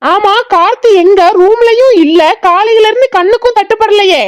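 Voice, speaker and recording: A woman's voice: very high voice, moderate pace, no room sound, studio quality. Woman voicing a grumpy old village grandpa. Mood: grumbling. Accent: southern Tamil Nadu. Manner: gruff scolding, teasing. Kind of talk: cartoon voice acting.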